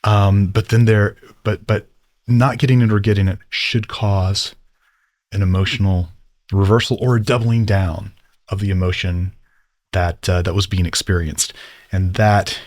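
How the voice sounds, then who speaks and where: A man's voice: on the low side, fairly even intonation, a little slow, dry recording, studio quality. A man teaching about storytelling in a casual lecture, rambling and enthusiastic with lots of fillers.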